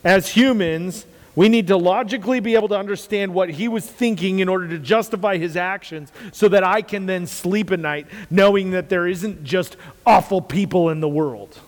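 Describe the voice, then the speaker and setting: An American pastor with a loud, carrying voice pitched slightly higher than most men's delivers casual, earnest faith talk at a normal speed. He repeats phrases for emphasis, and long room reverb makes the sound ring out.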